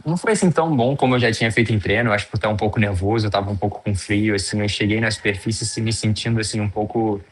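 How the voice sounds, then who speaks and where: A man's voice: on the low side, very fast, few pauses, breathy edge. A man with a Brazilian Portuguese accent, a guest in a casual interview, talking in a loose, hesitant way with many fillers and restarts. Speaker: guest, freediver.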